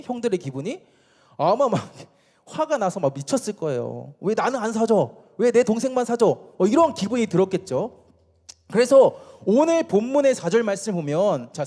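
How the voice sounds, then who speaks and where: A man preaching to a youth group in a church hall, his high voice swooping up and down as he keeps throwing questions at the listeners. The tone is casual and playful, with mellow, soft edges. A long church reverb trails behind every phrase. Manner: casual and playful, quizzes the listeners and acts out quotes. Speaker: youth pastor. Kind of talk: sermon for teenagers.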